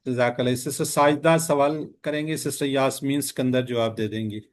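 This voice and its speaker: A man's voice: mid-range voice, steady tone. A man teaching an online class, patiently quizzing his students with repeated questions over a video call. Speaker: Quran and Arabic grammar teacher.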